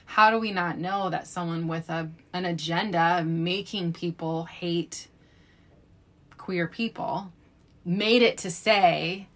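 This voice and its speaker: A woman's voice: on the low side, fairly even intonation, slow pace, fairly bright tone. A woman hosting a podcast, talking frankly and outspokenly in a candid casual chat. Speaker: podcast host.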